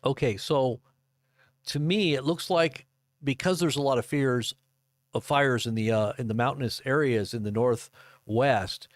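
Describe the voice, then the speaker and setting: A man in his fifties giving casual live commentary and reading news reports aloud, halting and rambling as he goes. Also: mid-range voice, dry recording, studio quality. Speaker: livestream commentator. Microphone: close desk microphone.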